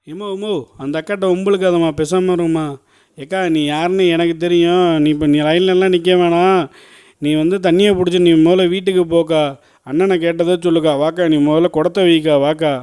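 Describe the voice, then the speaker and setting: A man's voice: high-pitched, steady tone, a little fast, darkish tone, clear, resonant tone, lightly acted. A man voicing a fawning water lorry driver who defers to a powerful woman, in a doll play. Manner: soothing, deferential.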